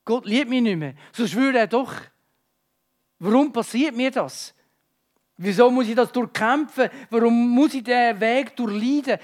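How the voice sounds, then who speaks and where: A high-pitched man delivers a heartfelt sermon, addressing his listeners directly. His delivery is dynamic, swinging between urgent intensity and quiet, hushed passages. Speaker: preacher.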